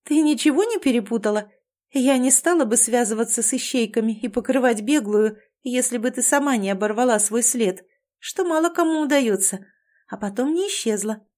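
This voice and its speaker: A woman reading an audiobook, voicing a young witch girl who is suspicious, excitable and insistent. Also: a little high, normal speed, close to an everyday voice. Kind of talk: audiobook character voice.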